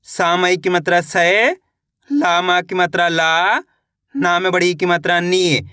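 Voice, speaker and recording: A man's voice: high-pitched, steady tone, takes it slowly, pushed and bright, smooth, no echo, clean studio sound. A man teaching beginners to read Hindi. He patiently spells each word out syllable by syllable and then reads it whole. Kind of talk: spelling out and reading Hindi words for learners.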